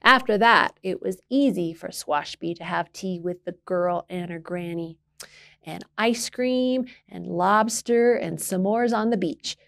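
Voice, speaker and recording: A woman with a gravelly voice, on the low side yet a bit bright, reads a children's picture book aloud at the library. She tells the story expressively, emphasizing words and pausing dramatically.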